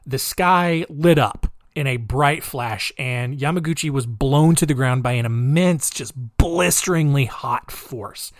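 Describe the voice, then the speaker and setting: A man hosts a casual storytelling podcast, chatty and animated, talking straight to his listeners as guys and piling on asides while swinging between loud emphasis and quiet remarks. His voice is medium-pitched and a little slow with few pauses, in a dry recording.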